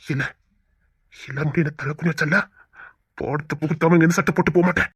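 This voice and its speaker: A man's voice: fairly high pitch, steady tone, fairly quick, husky, no room sound, clean studio sound. A man playing a proud young husband who angrily scolds his crying wife in a web drama. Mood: angry scolding. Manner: harsh, scolding. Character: proud, furious young husband shamed in public.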